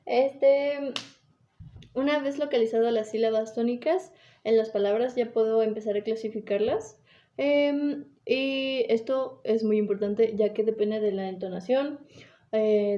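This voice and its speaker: A woman presents a class topic in a halting, read-aloud way, pausing on fillers and correcting herself often. Her voice sits a little high with a mellow, warm tone. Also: dull audio. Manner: hesitant, with fillers and self-corrections.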